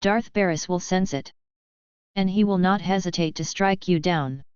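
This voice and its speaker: A woman voicing a cold, commanding armored dark lord in a fan-fiction audio story, in a calm, assured manner. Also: fairly low pitch, normal speed, clear, resonant tone, dry recording, lightly acted. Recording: slightly dull, dry recording.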